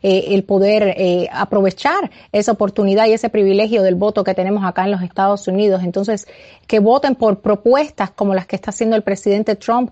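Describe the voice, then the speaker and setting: A Cuban woman joins a political interview remotely from the United States, her medium-pitched voice a little mellow and the sound lo-fi. She speaks earnestly and persuasively, though with many hesitations and restarts.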